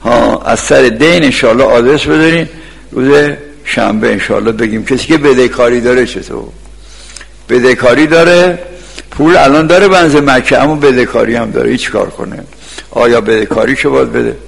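Man giving a sermon, gravelly husky voice, storytelling with sudden shouts, long hall reverb. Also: mid-range voice. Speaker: preacher.

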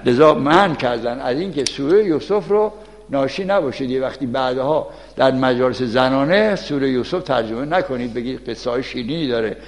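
A man's voice: mid-range voice, expressive. A man giving a casual sermon explaining scripture, mixing recited Arabic verses with everyday colloquial talk and asking the audience questions. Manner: switches between Arabic verse recitation and casual street Persian; asks the audience questions and answers himself. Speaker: Quran teacher. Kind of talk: colloquial Quran exegesis sermon. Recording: long echoey hall reverb.

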